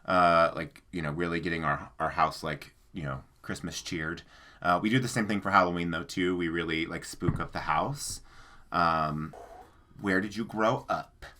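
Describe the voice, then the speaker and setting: A man in his thirties from the American Midwest talks at normal speed in a low voice with a bright, forward tone. Sounding like a co-host in a casual book-channel chat, he rambles loosely, full of fillers and "like." There's a little hiss or hum.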